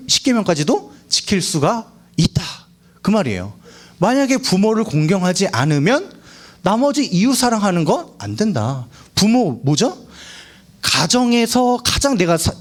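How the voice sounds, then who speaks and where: Lively, playful young man preaching to teens. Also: high voice. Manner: playful, asks the students questions, acts out quotes. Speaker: youth pastor. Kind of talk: lively youth sermon. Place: church hall.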